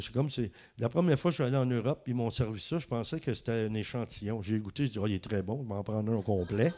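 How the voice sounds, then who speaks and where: A male preacher with a Quebec French accent tells anecdotes in a sermon. His voice swings up and down with lively energy, and he laughs at his own jokes. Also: mid-range voice. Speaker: preacher and guest speaker.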